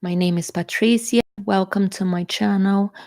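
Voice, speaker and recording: Speaking in a mid-range, mellow voice at a normal speed with fairly even intonation, a tarot reader from Brazil talks to camera. She has a Brazilian Portuguese accent, Portuguese is her native language, and she keeps the reading chatty, often checking in with viewers.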